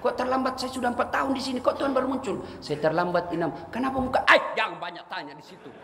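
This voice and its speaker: A man's voice: very high-pitched, expressive, fast, gravelly, pushed and bright, pitched above the performer's own voice, exaggerated voice. A male preacher voicing a humble, pious housemaid who talks meekly and plaintively. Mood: puzzled. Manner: meek, chatty, plaintive. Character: humble poor housemaid woman, sweet and pious. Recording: reverberant hall with faint noise.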